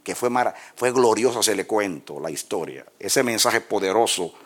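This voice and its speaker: Deep-voiced pastor telling stories. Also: male voice, moderate pace. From Dominican Republic. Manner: lively storyteller, acts out dialogue and laughs at his own stories. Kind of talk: sermon with personal anecdotes.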